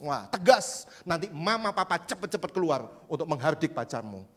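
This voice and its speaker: A male pastor delivers a youth sermon with a high voice that carries through a large church hall. The long reverb trails after his words. He is animated and joking, and he mimics voices as he preaches. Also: moderate pace. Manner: lively, joking, acts out quoted voices.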